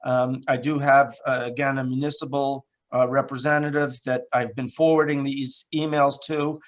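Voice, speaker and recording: A man's voice: mid-range voice, little pitch movement. Plain-spoken man running a town meeting. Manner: plain, halting, many fillers. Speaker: town supervisor.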